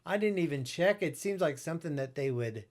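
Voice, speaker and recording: A man with a notably high voice chatting on a casual podcast. He laughs easily and stumbles over his words with fillers. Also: lively intonation, fairly quick. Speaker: podcast co-host.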